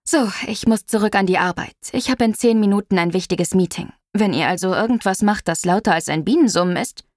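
A woman's voice: mid-range voice, a little fast, no room sound, studio quality, lightly acted. A woman voicing a working mother who is strict with the family but has a mischievous streak. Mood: stern. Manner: stern, teasing.

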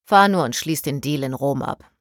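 A woman voicing a worried female business partner who talks slowly and hesitantly. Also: very deep voice, dry recording, clean studio sound. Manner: hesitant, slow and subdued.

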